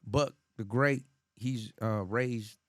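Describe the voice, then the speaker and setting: A man from Inglewood, California, hosting a casual interview with relaxed, slangy, playful questions. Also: mid-range voice, slow, no echo. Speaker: podcast host.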